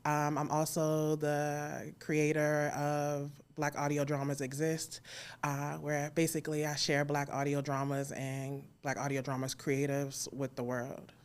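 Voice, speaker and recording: Guesting on a casual live interview, this audio drama creator from Alexandria, Virginia, in the United States, talks informally. She speaks low and monotone at a measured pace, her tone clear and resonant.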